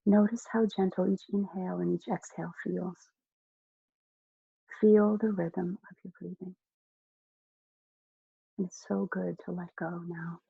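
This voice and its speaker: A hypnotist guiding a listener through slow, soothing relaxation, giving soft instructions with long pauses. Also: mid-range voice, level tone, vocal fry, breathy edge, no echo, phone-quality sound. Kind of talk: guided relaxation hypnosis script.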